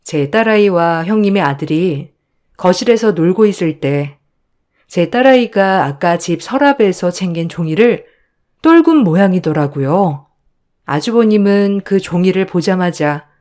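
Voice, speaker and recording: A woman's voice: lowish voice, very animated, a little slow, a little mellow. Woman narrating a story, polite and aggrieved. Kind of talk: first-person story narration.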